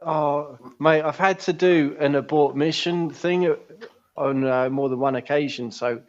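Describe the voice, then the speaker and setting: A man's voice: a little high, unhurried, highs cut off. A man co-hosting a podcast, chatting in casual banter, swearing freely and calling the others mate. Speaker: podcast co-host.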